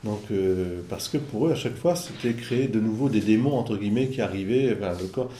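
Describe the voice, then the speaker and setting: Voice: mid-range voice, a little fast, dark tone, echoey room, slight background noise. A priest commenting in a casual discussion, reflective and hesitant with repeated words. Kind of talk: conversational commentary.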